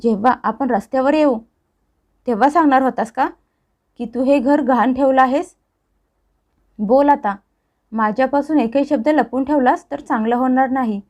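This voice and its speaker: A woman voicing an older, furious, scolding mother-in-law who shouts accusations, on a dull lo-fi recording. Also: high-pitched, normal speed, long pauses, close to an everyday voice.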